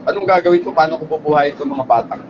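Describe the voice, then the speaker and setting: Higher-voiced man telling a story, muffled. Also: rapid-fire. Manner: polite, with frequent tag questions. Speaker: speaker retelling a police hostage story. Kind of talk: polite storytelling talk. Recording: muffled lo-fi with faint background noise.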